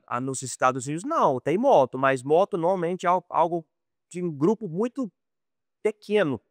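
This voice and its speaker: American man teaching, high voice. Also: no echo, studio quality. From United States. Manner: conversational, repeats and restarts words, acts out quoted dialogue. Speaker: missionary teacher. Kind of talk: informal Bible lesson.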